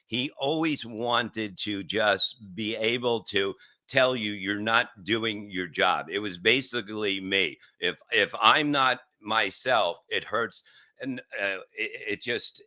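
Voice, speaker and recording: Male comedian, low and bright, halting profane rant full of restarts. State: in pain. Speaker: comedian and show regular. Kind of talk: casual talk.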